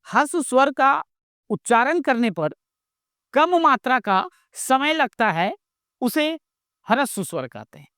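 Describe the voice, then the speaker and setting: A woman teacher from India leads a grammar lesson at an unhurried pace. She keeps asking questions and answering them herself, repeating points so they stick. Her voice is high and lively, and the recording is dry and close. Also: no room sound.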